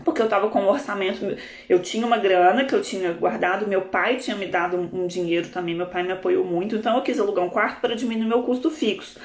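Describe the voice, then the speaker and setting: A Brazilian woman, a coach, telling a story in a live session in a lively, expressive way. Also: medium pitch, quick pace. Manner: animated, expressive, laughs often. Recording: roomy echo.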